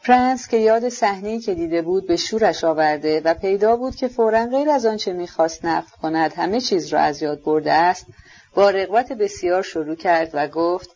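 A woman reading a novel aloud as an audiobook narrator, in a calm, even way. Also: fairly low pitch, lo-fi sound. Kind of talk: scripted narration.

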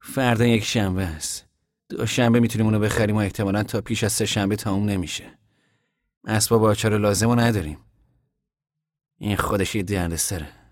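A man voicing a steady, practical young man who lays out plans in an audiobook reading. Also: mid-range voice, no echo, studio quality, pitched above the performer's own voice, natural voice. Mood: explaining. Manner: level-headed, explaining plans. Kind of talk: audiobook character voice.

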